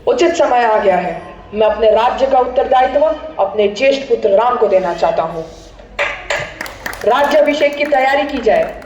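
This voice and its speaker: A woman plays an old king caught between duty and grief, and speaks in measured, declaiming phrases. The voice sits fairly high and comes through muffled and echoey, with a faint hiss behind it. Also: animated, darkish tone, lightly acted. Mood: regal. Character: aged grieving male king, dutiful and torn.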